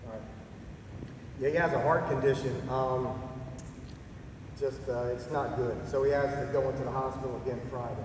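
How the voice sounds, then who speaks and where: A middle-aged retiring army staff sergeant gives an emotional retirement speech at a ceremony venue, heartfelt and halting with fillers and throat-clearing. His medium-pitched voice is fairly even in intonation and he's losing it. The recording is distant, noisy and echoey from the hall.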